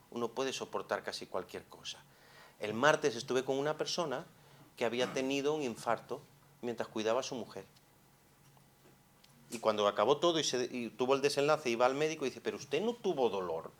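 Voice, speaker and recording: A man from gives a psychologist's lecture in a conference hall, speaking into a microphone. His delivery is expressive and full of rhetorical questions. It drops to near hushed tones, then rises to carrying emphasis. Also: medium pitch, fairly quick. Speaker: psychologist giving a conference talk.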